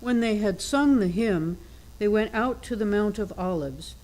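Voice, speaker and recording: Slow-paced woman reading scripture. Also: mid-range voice, a little mellow, poor audio. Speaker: scripture reader at a Good Friday service.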